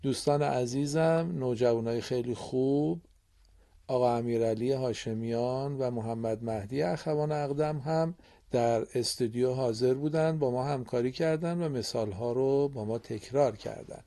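A man's voice: medium pitch, mellow. A man teaching Quran reading on a radio program in a studio, patiently quizzing and encouraging his students. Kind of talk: radio classroom lesson.

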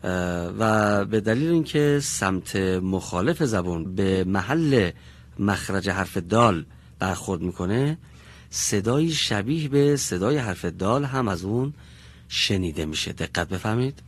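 Husky low-voiced male teacher. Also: animated. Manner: slow and deliberate, drawing out each sound as he demonstrates it. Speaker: Quran recitation teacher. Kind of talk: classroom pronunciation lesson. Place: classroom with students.

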